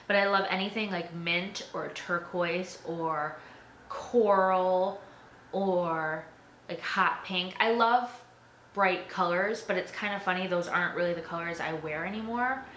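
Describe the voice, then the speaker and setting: A young woman chats to her camera about herself, her voice bright and sharp while sitting a touch low. She rambles casually with plenty of "like" and "um". The room is echoey, with a faint hiss behind her. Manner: chatty, filler-heavy with frequent "like" and "um". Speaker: YouTuber. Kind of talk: casual tag video chat.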